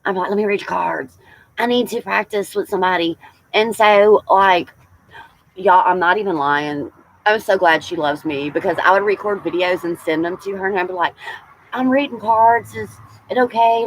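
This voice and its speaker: A woman in her forties, a tarot reader hosting a casual livestream, chatting warmly with viewers and calling them y'all. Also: medium pitch, fairly even intonation, normal speed, a little hiss or hum, poor audio. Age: 40s.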